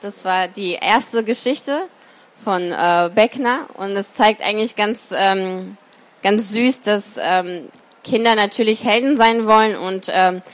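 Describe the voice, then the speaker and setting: A woman's voice: medium pitch, slow. A woman reading a children's story aloud as storyteller, then commenting with some hesitation. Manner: hesitant with fillers when commenting.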